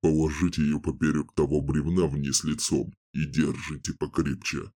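A man putting on a low, menacing bandit chief. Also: level tone, normal speed, darkish tone. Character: cruel brutish male bandit leader. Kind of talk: audiobook character voice.

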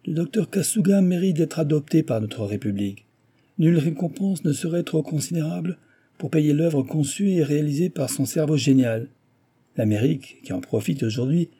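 A man's voice: on the high side, mellow, breathy edge, voice pushed up. A man voicing a stern, formal government delegate making an official pronouncement.

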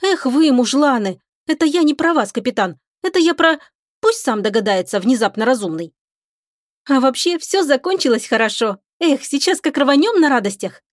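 A woman's voice: high voice, sing-song, normal speed, dry recording, studio quality, voice pushed up. A woman voicing a bubbly, eager young female sailor on a starship, with a playful, sing-song delivery.

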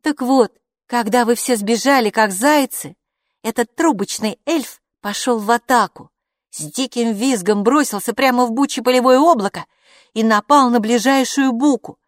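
In a natural, fairly high voice pitched above her own, a woman plays a proud, bossy older girl with a smug, commanding manner. She speaks at a moderate pace, and the studio-quality recording has no room sound.

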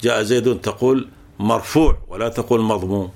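A man's voice: on the low side, brisk, creaky, a little mellow. A man teaching a classical grammar text, explaining patiently and repeating points with fillers.

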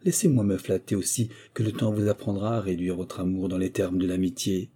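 A man voicing a gentle, tender but firm young woman in an audiobook, reading her replies earnestly and with restraint. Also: low-pitched, little pitch movement, a little fast, breathy edge.

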